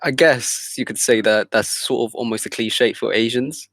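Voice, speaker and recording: A man's voice: mid-range voice, normal speed, gravelly, a bit bright, dry recording. A man in a casual podcast chat, speaking hesitantly with many fillers and restarts.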